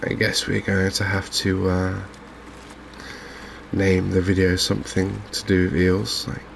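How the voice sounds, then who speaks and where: A gaming channel host murmurs ASMR-style commentary in a low, creaky, nearly monotone voice that barely rises or falls. His speech is halting and gently understated, with noticeable background noise behind it.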